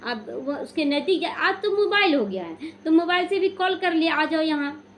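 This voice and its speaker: A woman giving a slow, calm devotional talk as a spiritual teacher, teaching through stories and often restarting her words. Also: very high voice, a little hiss or hum.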